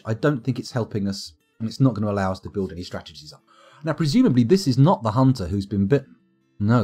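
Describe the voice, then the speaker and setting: A man's voice: medium pitch, darkish tone, husky. A man streaming a strategy game, chatting wryly over livestream microphone audio at home and reading game reports aloud. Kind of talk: casual livestream commentary.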